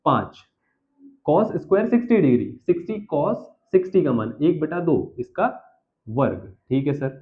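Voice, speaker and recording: A man's voice: on the high side, sing-song, moderate pace. A man teaching a school math lesson, working through each step aloud and often checking in with the class. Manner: talks himself through each step, keeps checking "theek hai sir". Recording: tinny phone-like audio.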